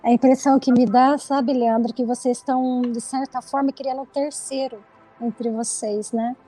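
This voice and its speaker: A woman psychoanalyst with a high voice speaks thoughtfully about her clinical work. She often adds tag questions. Her voice comes through a video call with faint music behind her. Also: fairly even intonation, normal speed, warm tone, low-quality recording. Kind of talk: reflective interview talk.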